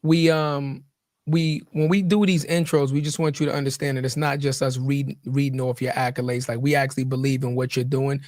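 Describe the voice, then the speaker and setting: A man's voice: mid-range voice, level tone, fairly quick, a little mellow, dry recording, clean studio sound. A man co-hosting a casual podcast, talking earnestly, repeating himself, and using slang. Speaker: podcast co-host.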